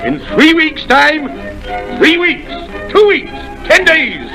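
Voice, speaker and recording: An actor playing a boastful, excitable country squire in a 1930s radio drama, talking in a theatrical, exclaiming way. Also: male voice, very high voice, takes it slowly, over music, full character voice, low-quality recording. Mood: excited. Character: blustering, boastful middle-aged country squire.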